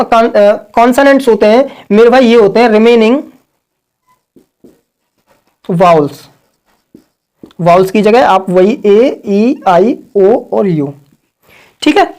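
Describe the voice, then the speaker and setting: A man's voice: high voice, a little mellow. Man drilling an online grammar lesson. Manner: repetitive and drilling, calls listeners "sir" and "brother"; over-pronounces the words he is correcting. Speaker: teacher.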